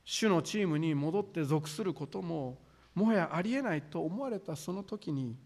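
男性の説教者, 重々しく語りかける, 少し高い声. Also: male voice, fairly high pitch, lively intonation, darkish tone. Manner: solemn, deliberate preaching with formal sentence endings. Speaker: pastor. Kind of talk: sermon.

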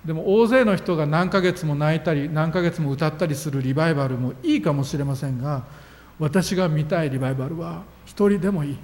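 A man's voice: a little high, fairly quick, darkish tone. A man preaching a sermon as a pastor, earnest and emphatic, with sudden rises in his voice. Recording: long reverb of a hall.

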